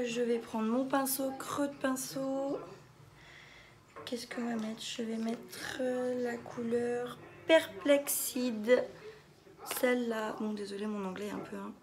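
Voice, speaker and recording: A woman hosting a makeup tutorial, narrating each step with little interjections and the odd whisper. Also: on the high side.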